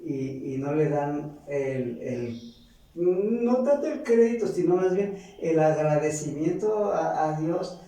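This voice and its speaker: Mexican man, personal faith testimony, mellow slightly high voice, halting and earnest, heavy church echo, distant mic. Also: expressive. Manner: halting, repeats words, earnest. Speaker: parishioner giving a testimony. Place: large church hall. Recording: echoey church from far off.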